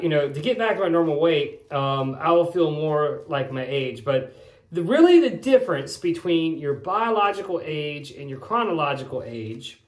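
A chatty man in his forties hosts a shaving vlog from a small, echoey home bathroom. His voice runs on the high side as he rambles along with folksy explanations while shaving.

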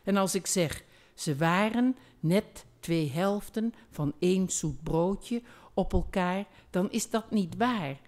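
A woman's voice: on the low side, slow. An older woman on a theatre stage, reading a poem aloud and chatting about the poet in between. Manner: chatty, self-deprecating, lively when reading dialogue. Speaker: poetry reader on stage. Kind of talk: poetry reading.

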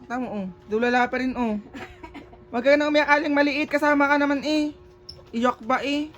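Bright, high-voiced woman vlogger. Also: steady tone, normal speed, dull audio, soft background music. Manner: teasing, playful, talks to viewers. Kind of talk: casual family vlog chat.

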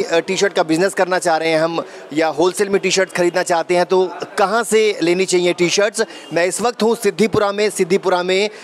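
A man in his thirties with a slightly high voice shows viewers around a garment shop, talking into a handheld mic. He keeps it lively and repeats each price back to the camera. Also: a little hiss or hum. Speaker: host showing a wholesale shop. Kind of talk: energetic shop-tour presenting. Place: indoor garment shop and office.

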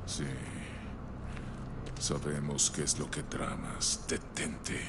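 An actor playing a huge, brooding thunder god in a game cutscene, gruff and needling. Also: male voice, extremely low pitch, monotone, slow pace, exaggerated voice. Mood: threatening. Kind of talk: dramatic video game cutscene acting. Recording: loud noise behind the voice.

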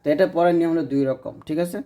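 Male teacher, patient and repetitive, warm mellow tone, lesson delivery. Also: a little high, steady tone, very fast. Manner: patient, repeats rules, checks understanding. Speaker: Quran reading teacher. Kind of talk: explanatory lesson.

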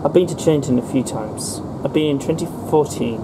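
A man's voice: medium pitch, brisk. A man vlogging from a moving train, rambling with fillers and restarts as he comments on the ride. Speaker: railfan vlogger. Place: inside a moving passenger train. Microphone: handheld camera. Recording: loud train noise behind.

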